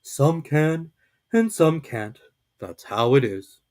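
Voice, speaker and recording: Man doing a sweet simple storybook bear, talks real slow and dreamy. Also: on the high side, very animated, a little mellow, pitched above the performer's own voice. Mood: wistful. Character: gentle slow-witted male bear. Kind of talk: storybook reading.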